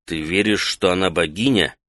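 A man voicing an old male mage who interrogates a captive in a measured, quietly commanding way. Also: deep voice, dry recording, voice pushed down. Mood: cool. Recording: dry close studio sound.

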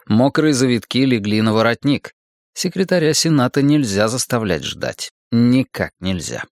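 A man narrating a first-person audiobook in a measured, dramatic reading. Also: medium pitch, sing-song, no echo, clean studio sound.

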